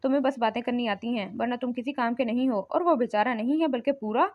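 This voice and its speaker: A woman voicing a quick-tempered, defiant young woman who talks sharply and snappishly, in a slightly muffled lo-fi recording. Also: a little high, lightly acted.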